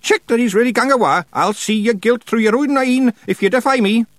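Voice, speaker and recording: A man's voice: on the high side, huge pitch swings, normal speed, no room sound, clean studio sound, voice pushed up, exaggerated voice. Man voicing a stern, snapping old witch. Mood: scolding. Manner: imperious, snapping. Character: old blind witch woman, stern and sharp.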